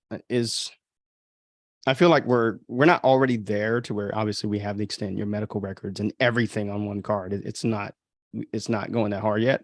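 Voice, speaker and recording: A man with a lowish voice hosts a podcast, chatting informally and rambling through his commentary with frequent filler words and some mild swearing. The sound is clean studio audio with no echo.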